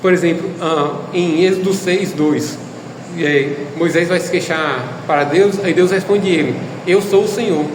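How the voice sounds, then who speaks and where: A man's voice: on the high side, a little slow, echoey room, big-room sound, background noise. A man giving a casual video lesson on Japanese, explaining step by step with hesitant fillers. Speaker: Japanese language teacher.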